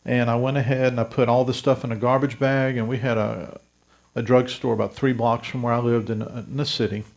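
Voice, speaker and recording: Gravelly-voiced pastor in his fifties from Louisiana. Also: medium pitch, little pitch movement, brisk, darkish tone. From South Louisiana, USA. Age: 50s. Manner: earnest storytelling, addresses the congregation directly. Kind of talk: testimony sermon.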